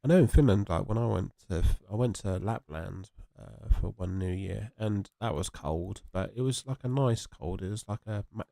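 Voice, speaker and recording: Playing a game on a livestream, a young Englishman talks with viewers in a loose, rambling way, his voice congested and sniffly. It's lowish, gravelly and mellow, at a moderate pace with few pauses, recorded cleanly in a studio with no room sound.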